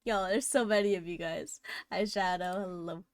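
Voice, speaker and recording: A woman's voice: medium pitch, normal speed, dry recording. A woman livestreaming in a playful, giggly gamer-girl manner, chatting casually with her viewers and swearing freely. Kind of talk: casual chat with live stream viewers.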